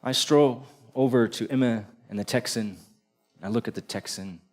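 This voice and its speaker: A man's voice: mid-range voice, normal speed. A man performing a live stage story in vivid present tense, building to comic punchlines before an audience.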